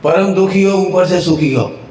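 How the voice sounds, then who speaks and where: A man giving a devotional sermon as a preacher, telling lively everyday stories, acting out little household quarrels and chuckling at his own examples. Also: high voice, measured pace. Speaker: Jain preacher. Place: temple hall. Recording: echoey temple hall with faint ambience.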